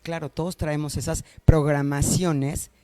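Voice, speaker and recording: A man, a guest expert explaining ideas in animated, conversational speech. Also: on the high side, unhurried, noisy background.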